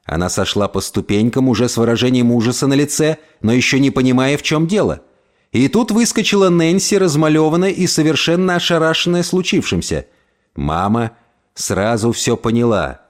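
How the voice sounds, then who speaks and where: A man reading a first-person story aloud in an expressive narration. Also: medium pitch, normal speed. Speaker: audiobook reader.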